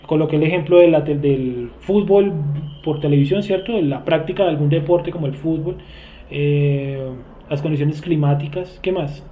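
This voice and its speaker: A man's voice: a little high, normal speed, phone-quality sound, a little hiss or hum. A man with a Bogotá Colombian accent teaching a Bible study class in a conversational way, often checking that everyone follows and asking the class questions. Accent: Bogotá Colombian Spanish. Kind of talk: informal religious teaching.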